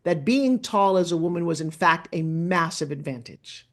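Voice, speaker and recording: A woman's voice: lowish voice, lively intonation, normal speed. Upbeat middle-aged woman hosting on stage. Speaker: host. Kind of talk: stage interview.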